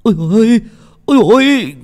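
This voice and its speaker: A man's voice: extremely high pitch, animated, very slow, a little mellow, voice pushed up, exaggerated voice. A man voicing a panicked grown father who shrieks frantic cries for help in a spoken horror story. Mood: terrified.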